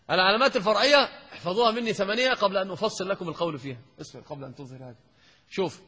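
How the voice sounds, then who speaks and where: A sheikh teaches Arabic grammar in a lecture hall, his bright, slightly husky voice sitting high as he keeps quizzing and teasing his students. The lo-fi recording carries a long reverb tail from the hall.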